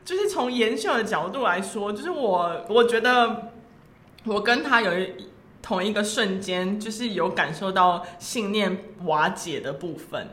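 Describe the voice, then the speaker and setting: Podcast co-host: young woman, bright lively voice, roomy echo, candid and laughing. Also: medium pitch, measured pace. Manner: emotional, laughs often, candid. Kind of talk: casual chat.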